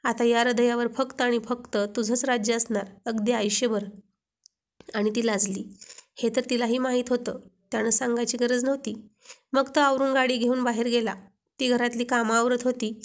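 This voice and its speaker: A woman narrating a romantic storybook in an even, unhurried way. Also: a little high.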